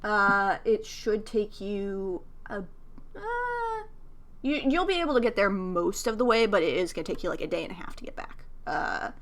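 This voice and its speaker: A woman narrating as game master in a casual tabletop game, halting with many fillers and the odd swear. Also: mid-range voice, very animated, a bit bright.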